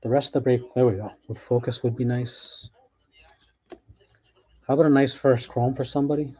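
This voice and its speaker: With a steady, dark, slightly breathy voice at medium pitch and moderate pace, a man hosts a sports card break. He talks casually through live commentary as he opens packs, thinking aloud with restarts, and the audio sounds dull.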